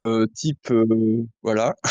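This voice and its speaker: Homme parlant à travers un changeur de voix. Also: male voice, on the low side, darkish tone, no echo. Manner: hesitant, halting, joking. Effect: voice changer app altering his voice. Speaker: friend joining a stream's voice chat. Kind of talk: casual banter. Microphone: voice chat microphone.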